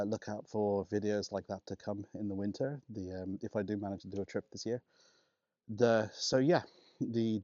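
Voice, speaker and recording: A man's voice: lowish voice, dark tone, no echo, muffled recording. A man vlogging outdoors on a walk, talking casually and rambling with restarts and laughs, recorded on a clip-on wireless mic. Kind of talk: casual walking vlog.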